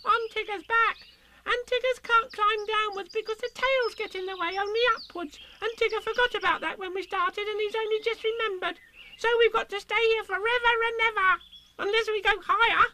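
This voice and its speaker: A tiny, excitable kangaroo boy from a children's storybook. The voice is a squeaky, extremely high falsetto with a bright, piping edge. He chatters breathlessly and childishly over faint background noise. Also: fairly quick, exaggerated voice. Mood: gleeful.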